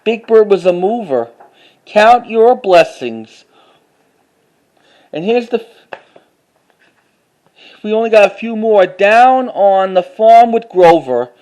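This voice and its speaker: A collector with a high, expressive voice and a darkish tone presents his finds on camera in a loose show-and-tell, reading titles aloud. His delivery is halting and unscripted, with frequent restarts and repeated phrases.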